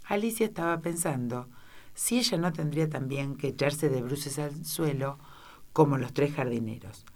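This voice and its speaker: A woman narrating a children's classic as an audiobook, with expressive storytelling. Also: low voice, normal speed. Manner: expressive storytelling, shifting into character voices. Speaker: audiobook reader.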